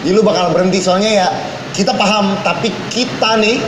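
A man, teasing and lively as a talent show judge in playful banter. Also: sits high, fairly quick, reverberant, background noise.

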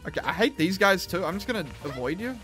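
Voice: medium pitch, sing-song, fast, fairly bright tone, faint music behind. A gamer giving casual, reactive commentary while playing, swearing and exclaiming at the game as they talk to themselves. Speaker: video game streamer.

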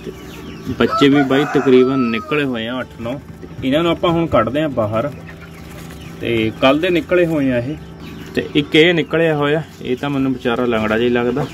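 A young male farm vlogger from India, with a Punjabi accent, gives relaxed commentary on his phone at a poultry farm, treating viewers as friends. His mid-range voice moves a little fast. Chickens cluck and birds sound in the noisy sheds and yard.

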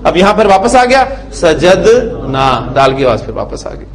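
Man teaching Arabic grammar, slow drills. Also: high-pitched, very animated, low-quality recording. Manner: drills word forms slowly, syllable by syllable; asks the class checking questions. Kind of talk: classroom grammar lecture.

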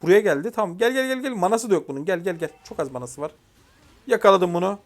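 A young man commentating his own mobile game match, excitedly shouting commands at teammates and venting frustration. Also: high-pitched, fast talker. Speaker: gaming YouTuber. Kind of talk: live gameplay commentary.

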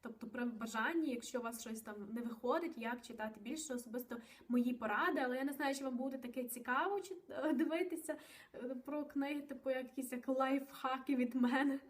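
A woman's voice: high-pitched, a little fast. A woman vlogging a casual book review, chatty and rambling, with many fillers and self-corrections, a little nervous. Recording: voice a bit distant from the mic.

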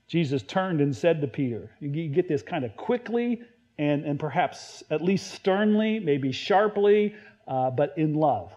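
High-voiced man preaching a conversational sermon. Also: animated, unhurried, highs cut off. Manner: conversational, self-deprecating preaching with many restarts; acts out Bible quotes loudly and forcefully. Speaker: pastor.

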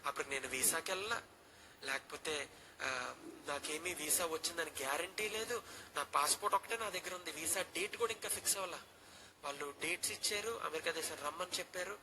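A man's voice: fairly high pitch, fairly quick, background noise. A young man in his twenties, a pastor, earnestly telling a personal testimony and slipping English phrases into his speech.

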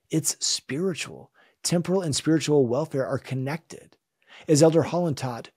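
A man teaching a scripture lesson in an earnest, measured, reflective way. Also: mid-range voice, a little mellow, slightly rough, dry recording, clean studio sound. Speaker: religion teacher.

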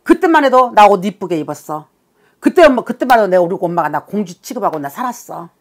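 A woman's voice: medium pitch, big pitch swings, quick pace. A woman shaman giving a blunt, scolding consultation, swearing and bursting into emphatic outbursts. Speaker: shaman fortune-teller.

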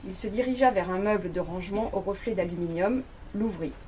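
A woman reading extracts of a novel aloud in a measured way at a bookshop event. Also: medium pitch, mellow, slight background noise. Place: bookshop reading before an audience.

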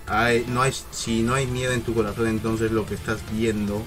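A man voicing a menacing male villain obsessed with fear in an anime dub, speaking low and ominous. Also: flat delivery, normal speed, over music, natural voice.

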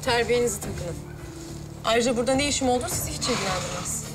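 An actress playing Zeynep, a proud young woman who stands her ground with sharp, firm words. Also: a little high, expressive, fast, music in the background, close to an everyday voice. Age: young adult. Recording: TV drama with loud score underneath.

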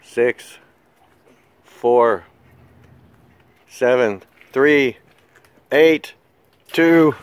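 A man's voice: mid-range voice, extremely slow, pauses often, smooth. A man chatting casually and teasingly, egging others on as he films outdoors on a backyard patio. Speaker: adult filming children at a backyard pool. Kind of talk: casual home-video chat. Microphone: handheld camera, held by the speaker.

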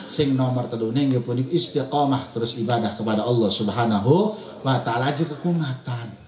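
A man with a Serang Javanese accent giving a comic sermon at a wedding gathering, laughing often and acting out villagers. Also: fairly high pitch. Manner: jokey, laughing, acts out villagers. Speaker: preacher. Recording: echoey event sound system.

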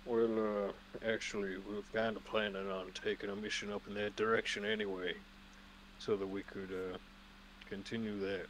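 A man's voice: on the low side, little pitch movement, moderate pace, a bit bright, slight background noise, low-quality recording. A man chatting casually as a player in an online tabletop game.

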